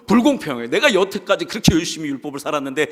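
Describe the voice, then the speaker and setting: Male preacher, somewhat high and very animated, quizzing his flock and answering himself, church echo. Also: brisk. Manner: asks the congregation questions and answers them himself. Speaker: pastor. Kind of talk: sermon. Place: church sanctuary. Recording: long reverb of a church hall.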